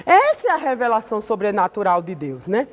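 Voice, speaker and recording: A woman's voice: medium pitch, wildly swooping pitch, brisk, big-room sound. A woman with a Brazilian accent teaching an online Sunday school Bible lesson in a conversational way, often ending her sentences with a questioning tag. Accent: Brazilian Portuguese.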